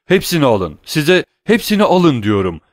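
A man's voice: medium pitch, animated, brisk, no echo, clean studio sound, voice pushed up, natural voice. A man voicing a desperate, greedy captive banker in an audiobook, pleading and agitated.

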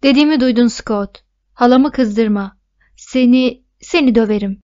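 A stern, lecturing young teenage boy, read by a woman in a fairly high voice. He talks down to his younger sister like a bossy older brother. The recording sounds dull and lo-fi. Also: measured pace, mellow, no echo, natural voice.

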